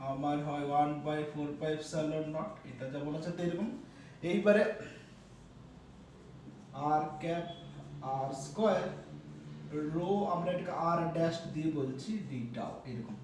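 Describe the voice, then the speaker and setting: A man's voice: fairly high pitch, measured pace, pauses often, a little mellow, slight background noise. Echoey distant man giving a lecture. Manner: explains step by step, frequent fillers and checks. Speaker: physics lecturer. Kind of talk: classroom lecture.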